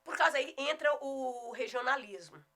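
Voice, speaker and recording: A bright, fairly high-voiced woman with a Goiás Brazilian accent teaches a Portuguese lesson. She is emphatic, slowing down to spell out words letter by letter. Middle-aged and direct. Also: animated. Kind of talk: video lesson on spelling and pronunciation.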